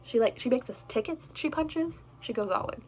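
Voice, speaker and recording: A woman's voice: high-pitched, lively intonation, fairly quick, a little hiss or hum, low-quality recording. A young woman chatting casually on a vlog, bubbly and self-deprecating, recorded indoors. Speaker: vlogger. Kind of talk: casual chat reviewing movies. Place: indoors in front of a Christmas tree.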